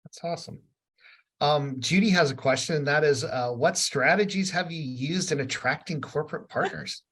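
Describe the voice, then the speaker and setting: A woman's voice: low voice, moderate pace, fairly bright tone, breathy edge. A woman moderating a virtual book talk, reading audience questions over a video call and giving short upbeat replies. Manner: reads questions out, brief upbeat reactions. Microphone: video call microphone.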